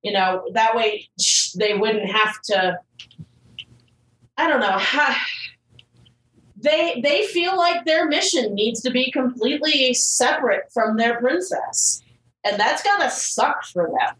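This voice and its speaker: Female podcast co-host, quick and blunt, high voice, distant and roomy. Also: animated, a bit bright. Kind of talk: casual chat. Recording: roomy and distant from the mic, faint music.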